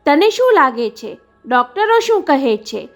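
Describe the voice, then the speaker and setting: A woman voicing a smooth, scheming middle-aged man who flirts and presses with coaxing questions. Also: sits high, sing-song, measured pace, heavily acted. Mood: probing.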